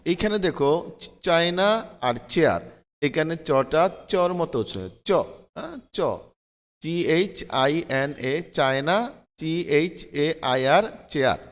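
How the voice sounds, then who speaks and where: A man teaching English pronunciation, patiently spelling out letters and repeating each word slowly. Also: a little high, fairly bright tone, big-room sound. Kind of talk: slow spelling-out lesson.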